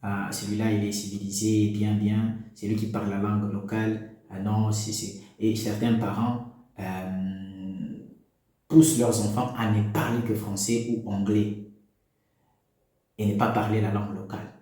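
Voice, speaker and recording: With a fairly low, mellow voice and flat, slightly slow delivery, a man from DR Congo lectures parents in a to-camera opinion monologue. A native speaker of a Congolese national language, he exhorts preachily and leans on rhetorical questions, recorded in an echoey room.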